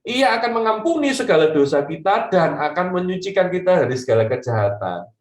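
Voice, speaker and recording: A man preaching a casual youth sermon, chatty and animated, dropping slang and English asides to his young listeners. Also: high voice, brisk, reverberant.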